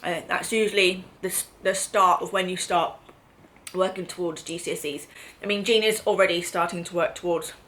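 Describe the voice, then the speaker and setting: English mother with a lowish voice, chatting. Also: steady tone, normal speed, fairly bright tone. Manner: chatty, explaining, checks in with tag questions. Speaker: mother hosting a family vlog. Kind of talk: casual chat.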